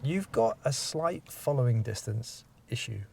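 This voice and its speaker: A man's voice: mid-range voice, animated, a little slow, creaky, a little mellow, breathy edge. A man, a driving instructor giving feedback after a mock test, explaining step by step and asking leading questions.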